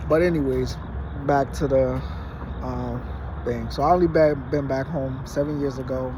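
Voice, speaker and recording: Outdoors in a parking lot at night, a man in his late twenties, born in Haiti, vlogs into a phone leaning against a wall. He speaks at a normal speed with a medium-pitched, steady voice, chatting casually with lots of fillers and restarts. Traffic and car noise fill this noisy outdoor phone recording.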